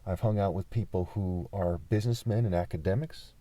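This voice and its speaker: Dark-voiced insistent man. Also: deep voice, steady tone, dry recording. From California, USA. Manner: assertive, insistent, pauses often with fillers. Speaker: vlogger. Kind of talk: unscripted monologue to camera.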